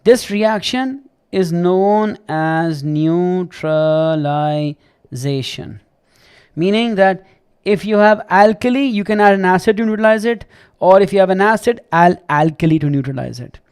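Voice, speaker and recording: A man's voice: high-pitched, a little slow, smooth. Chatty man teaching chemistry live. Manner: chatty, repeats himself, checks understanding often. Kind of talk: live online lesson.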